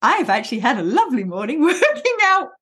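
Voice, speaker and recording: A woman hosting a solo podcast, talking in a lively, playful way and laughing easily. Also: sits high, fast. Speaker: podcast host and coach.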